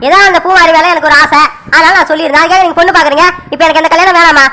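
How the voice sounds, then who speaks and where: A woman's voice: very high-pitched, fairly even intonation, rapid-fire, bright, forceful tone, a little hiss or hum. A woman doing a frustrated young son in a cartoon. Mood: upset. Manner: complaining, repeats himself. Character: young man, upset son, insistent and frustrated. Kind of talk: animated cartoon serial voice.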